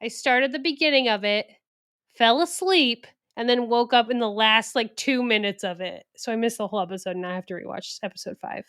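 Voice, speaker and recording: A woman with a smooth, clear and slightly high voice, co-hosting a relaxed true crime podcast. She sounds a little tired but stays chatty and laughs easily. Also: brisk. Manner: chatty, laughs often, self-deprecating. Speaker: podcast co-host.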